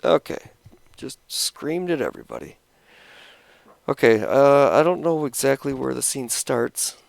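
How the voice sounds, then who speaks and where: A man's voice: mid-range voice, sing-song, measured pace, vocal fry, no echo, studio quality. A man casually explaining how he edits his video, rambling and restarting his sentences with a cigarette in his mouth. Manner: rambling, self-interrupting, talking around a cigarette.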